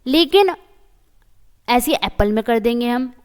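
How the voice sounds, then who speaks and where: Woman teaching grammar, slow and patient, kinda high voice, lots of reverb like a hall. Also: expressive, smooth. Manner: patient, repeats key points, asks the viewer questions; reads English example sentences slowly and deliberately. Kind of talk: Hindi-English grammar lesson.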